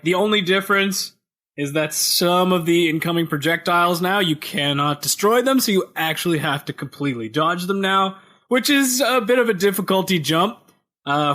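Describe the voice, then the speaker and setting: Bright-voiced punny podcast guy. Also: a little high. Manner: punny, jokey, slips into mock voices. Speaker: podcast co-host. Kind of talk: casual gaming chat. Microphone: headset.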